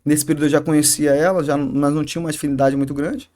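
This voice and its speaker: A man, a barber and youth leader, telling his faith story in a podcast interview, halting often and tagging sentences with "né?". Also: a little high, level tone, dark tone. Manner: halting, many restarts and "né?" tags. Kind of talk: emotional testimony in casual interview.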